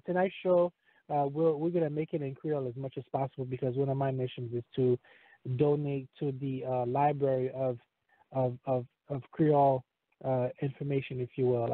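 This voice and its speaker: A man's voice: medium pitch, dry recording. A man hosting an interview, speaking hesitantly with many fillers and restarts. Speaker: podcast host. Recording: tinny phone line, dry.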